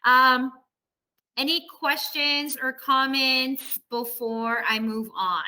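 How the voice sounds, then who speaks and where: Heard in a rough recording over a video call, a woman professor speaks slowly in a high, steady, bright and forceful voice. Her online class is a casual, conversational lesson where she explains points and keeps checking that students agree.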